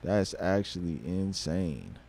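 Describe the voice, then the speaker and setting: A rapper in his thirties livestreams, talking casually in a low, slow, creaky voice and swearing freely. He moves from reflective musing to loud excitement with laughter and cursing.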